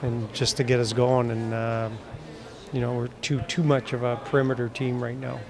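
A man's voice: medium pitch, level tone, normal speed, a crowd in the background. A man in his fifties, a hockey head coach giving a postgame press interview in a blunt, plain-spoken way with many fillers, recorded on a handheld mic in front of an indoor press backdrop. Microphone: handheld mic held near the chin.

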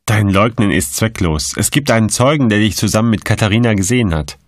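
A man voicing a stern male magistrate who questions in a firm, cold, measured way. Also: fairly low pitch, animated, no echo, clean studio sound, close to an everyday voice.

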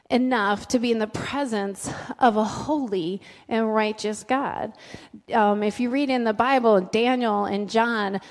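Woman pastor, middle-aged, slow deliberate sermon, highish voice, handheld mic, echoing church hall. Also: a little mellow. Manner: conversational, asks the congregation questions. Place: church sanctuary with a stage. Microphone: handheld mic, filmed from the back of the room. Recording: long reverb of a church hall.

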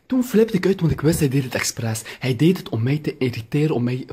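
Young man, husky voice, lively swooping pitch, exaggerated comic storytelling rant. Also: fairly quick. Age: young adult. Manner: exaggerated, animated, theatrical. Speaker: vlogger.

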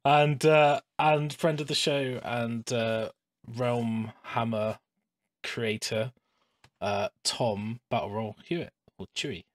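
A man's voice: medium pitch, slow, no echo. A man hosting a podcast from his home hobby room, chatting casually with lots of fillers and restarts. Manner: relaxed and chatty, with frequent "um" and restarts. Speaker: podcast host.

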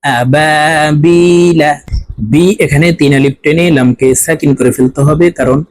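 A man teaching Quran reading, spelling each word syllable by syllable and then chanting it in long, drawn-out recitation, with brisk explanations of pronunciation rules in between. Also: a little high, steady tone, darkish tone, poor audio. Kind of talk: letter-by-letter Quran reading lesson.

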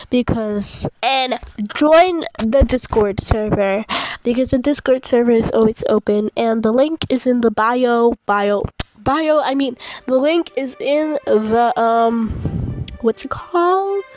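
High-voiced woman rambling over gameplay. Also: a little mellow. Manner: rambling, chatty, many restarts and fillers. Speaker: gaming channel host. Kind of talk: casual gameplay commentary.

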